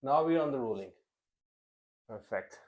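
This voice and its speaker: This podcast host is a young man with a medium-pitched voice and lively intonation, speaking at an unhurried pace. Running a casual interview show, he hesitates a lot, filling gaps and restarting his sentences often.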